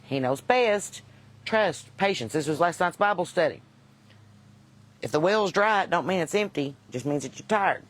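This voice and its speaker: A woman's voice: fairly low pitch, animated, normal speed. A woman from Kentucky with a Southern US accent chats casually to livestream viewers as host, folksy, unpolished and wisecracking. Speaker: host and singer chatting with live viewers.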